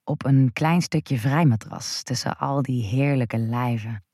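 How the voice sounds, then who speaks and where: A woman narrating an erotic first-person story in a breathy, hushed, intimate voice that drifts into whispers. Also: rumbling low, a little slow, no echo, clean studio sound.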